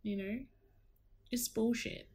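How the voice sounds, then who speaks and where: A woman's voice: on the high side, fairly even intonation, takes it slowly, heavy background noise. A young adult woman co-hosting a podcast in casual chat, blunt and swearing freely, often trailing off with fillers. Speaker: podcast co-host.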